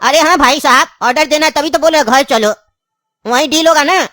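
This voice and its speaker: A woman voicing a scheming, insistent old grandfather in an animated comedy, pleading loudly and pressing his case. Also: high-pitched, moderate pace, heavy background noise, lightly acted. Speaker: voice actor.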